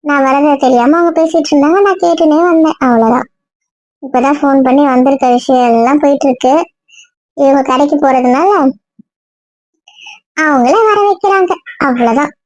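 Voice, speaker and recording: A woman's voice: sits high, moderate pace, pauses often, a little mellow, dry recording, close to an everyday voice. A woman playing a chatty, affectionate elder sister-in-law in a hobby audio drama, recorded with a dull lo-fi sound.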